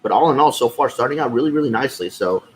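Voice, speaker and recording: A man's voice: mid-range voice, lively intonation, very fast, a little hiss or hum, rough recording. A man co-hosting a podcast in a casual, conversational review style. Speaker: podcast co-host. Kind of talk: casual cigar review chat.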